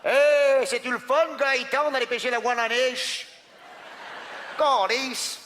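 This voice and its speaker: A man putting on an exaggerated Quebecois voice, loud and hearty, as a stage joke. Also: extremely high pitch, steady tone, slow pace, big-room sound, a little hiss or hum, pitched above the performer's own voice, full character voice.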